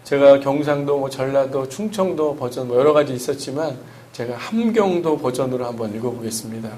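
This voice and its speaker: A man's voice: medium pitch, brisk, dark tone, slight background noise. A man, a pastor, preaching an earnest sermon with emphatic rhetorical questions to his congregation.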